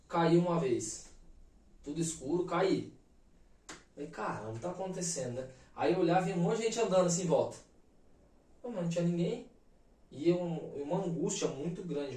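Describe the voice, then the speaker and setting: A Brazilian man in his thirties, a podcast guest, telling a personal story in an animated, emphatic way full of slang fillers. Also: a little high, moderate pace, pauses often. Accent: Brazilian Portuguese. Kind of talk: casual storytelling. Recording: roomy echo, mic at a distance.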